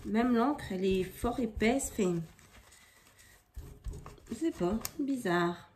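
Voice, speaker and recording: A woman with a slightly raised pitch talks through her scrapbooking work in an easy, casual way. She improvises as she goes and fills her pauses with hesitations. A faint background noise sits under her voice. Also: lively intonation, darkish tone. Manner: chatty and improvising, with frequent hesitations. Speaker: crafter demonstrating scrapbooking. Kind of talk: casual craft tutorial chat. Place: home craft table.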